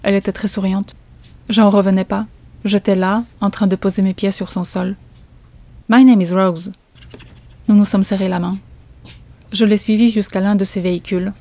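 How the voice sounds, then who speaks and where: A woman's voice: medium pitch, flat delivery, fairly quick, mellow. A woman, telling a suspenseful first-person story as a comic author. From Poland.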